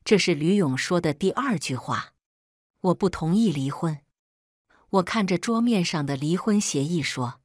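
A woman telling a first-person story as scripted narration, reading in a steady, measured way. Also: lowish voice, no echo, clean studio sound.

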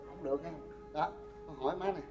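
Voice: medium pitch, lightly acted. A performer playing a cheeky grown son arguing with his mother in a stage comedy sketch, with a Southern Vietnamese accent. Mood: teasing. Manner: teasing, quick back-talk. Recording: muffled old stage recording, faint music.

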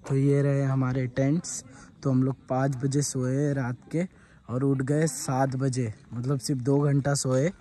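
A young man shoots a casual trekking vlog in the forest, chatting enthusiastically to the phone camera at arm's length as he walks. He uses a mellow mid-range voice with little pitch movement and a measured pace.

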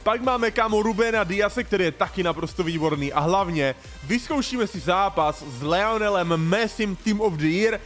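A young man giving slangy, excited commentary while playing a football game, often breaking into loud sing-song shouts. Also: fairly high pitch. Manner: slangy, calls viewers "bro" constantly. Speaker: gaming streamer.

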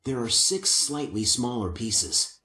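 Calm older man explaining woodwork steps. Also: medium pitch, takes it slowly, roomy sound. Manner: calm, patient, methodical explanation. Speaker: woodworking instructor. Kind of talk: step-by-step craft instruction. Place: indoor woodworking workshop. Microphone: lapel mic.

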